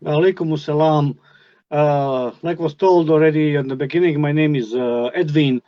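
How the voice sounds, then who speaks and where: A middle-aged man from Bosnia with a Bosnian accent, telling his life story as a guest, halting with many fillers and restarts. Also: fairly high pitch, no echo, lo-fi sound. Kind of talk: personal testimony.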